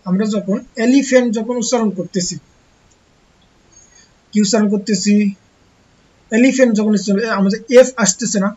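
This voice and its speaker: A teacher gives an online textbook lesson to young pupils. The teacher asks rhetorical questions and answers them, slowly repeating key words. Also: medium pitch, a little mellow, slightly rough, muffled recording.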